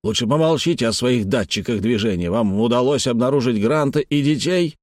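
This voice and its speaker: A man's voice: medium pitch, fairly quick, dry recording, clean studio sound, lightly acted. A man reading the lines of an irritable, sarcastic adult male warden. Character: gruff, impatient male game warden.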